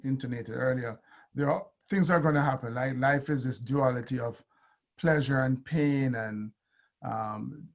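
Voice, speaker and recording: A man hosts an interview in a gravelly voice. He asks his questions unhurriedly and fills his pauses with soft verbal fillers. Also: medium pitch. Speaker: host. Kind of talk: conversational interview.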